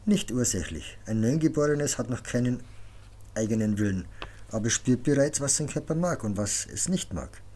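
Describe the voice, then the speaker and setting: A man reading an audiobook voices a calm, commanding grown woman who speaks softly but firmly, as if teaching. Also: mid-range voice, normal speed, voice pushed up, lightly acted. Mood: instructive. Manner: soft, firm, instructive.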